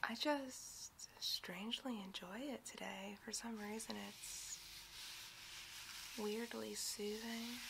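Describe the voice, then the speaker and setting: A woman whispering softly and slowly in an ASMR video, with tapping sounds on a coconut. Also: fairly high pitch, steady tone, gravelly, noisy background. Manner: soft whispering, slow and soothing. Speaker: ASMR creator. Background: tapping and rubbing on a coconut.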